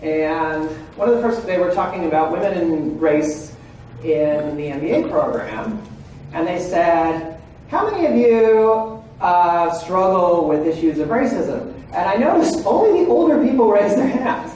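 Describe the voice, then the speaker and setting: A man in his forties presents to a room of legal professionals at a training seminar, giving a conversational lecture and often checking in with "right?" and "okay?". His voice sits high with big pitch swings, a measured pace and a darkish tone. The large room is echoey, he's far from the mic, and there's slight background noise.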